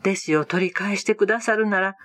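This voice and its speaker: A woman voicing a solemn old male teacher in a storybook reading, speaking plainly and gravely. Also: medium pitch, a little fast, fairly bright tone, no echo, studio quality, close to an everyday voice.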